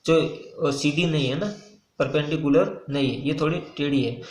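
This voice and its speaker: A man teaching a maths lesson in a casual, step-by-step way, often asking and answering his own questions and pausing with "uh.". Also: on the high side, reverberant, low-quality recording. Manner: casual, with frequent "uh" pauses and repeated phrases.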